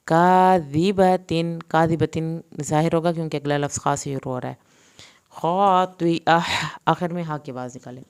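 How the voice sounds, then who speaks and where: A woman with a Pakistani Urdu accent teaching Quran recitation rules, reciting each word slowly and then explaining it quickly. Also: low-pitched, fairly even intonation, darkish tone, clean tone. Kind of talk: tajweed lesson.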